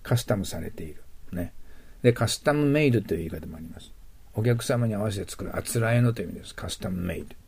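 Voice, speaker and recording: A man with a low, gravelly voice that has a husky edge teaches English vocabulary. He explains each word patiently and repeats the examples slowly. His tone stays steady and instructive. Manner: adds ね as a tag. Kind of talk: recorded vocabulary lesson.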